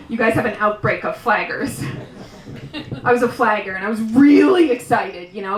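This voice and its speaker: A woman performing a live stand-up set, self-mocking and wry, now and then breaking into shouted bursts. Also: a little high, slight background noise. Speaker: stand-up comedian. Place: small live venue. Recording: roomy live sound from a distant mic.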